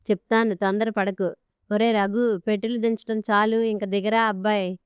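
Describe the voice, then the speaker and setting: A woman's voice: medium pitch, flat delivery, moderate pace, clear, resonant tone, dry recording, studio quality, close to an everyday voice. A woman reading an audiobook story, voicing a stern, commanding older father-in-law. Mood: firm. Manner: commanding, blunt.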